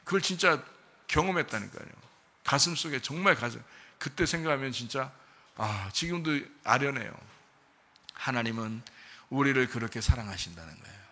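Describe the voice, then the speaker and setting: A man's voice: mid-range voice, animated, moderate pace, pushed and bright. A man preaching a sermon as pastor, who keeps asking his congregation questions. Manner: asks the congregation many questions.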